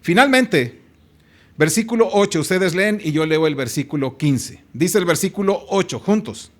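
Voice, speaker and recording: A man's voice: high-pitched, lively intonation, normal speed. A man with a Mexican Spanish accent preaching a sermon in a church, stretching out key phrases and calling on the congregation to read along. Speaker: pastor.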